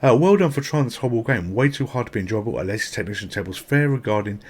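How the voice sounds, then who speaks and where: A man's voice: mid-range voice, lively intonation, fast, slightly rough. A man hosting a retro gaming channel, chatting casually and swearing now and then, with a sore mouth. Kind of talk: casual gameplay commentary.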